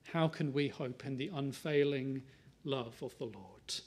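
A man preaching a sermon, earnest and measured, building to emphatic lines and dropping to soft, tender ones. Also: medium pitch, slightly rough.

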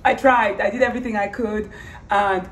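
A woman with a hoarse voice that is giving out, talking casually and earnestly in a personal vlog, rambling and repeating phrases for emphasis. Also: medium pitch, fairly even intonation, moderate pace. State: hoarse, losing her voice. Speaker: vlogger. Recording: roomy, distant mic, faint background noise.

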